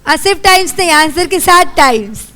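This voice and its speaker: A young Indian woman teaching a class, brisk and scolding as she quizzes her students. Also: very high voice, lively intonation, pushed and bright. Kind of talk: classroom lecture.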